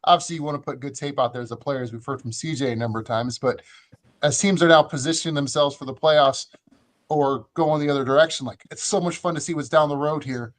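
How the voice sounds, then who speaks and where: A man's voice: on the high side, fast. Chatty man hosting a football panel. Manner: chatty, heavy use of "like". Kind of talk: casual sports talk.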